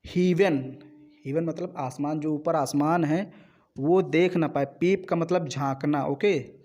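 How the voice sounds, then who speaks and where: Male teacher explaining a play slowly. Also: a little high, fairly even intonation, darkish tone, dull audio. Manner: reads English lines slowly, then explains them at length; repeats words and checks in with "ok". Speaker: literature teacher. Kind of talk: line-by-line lecture explaining a play.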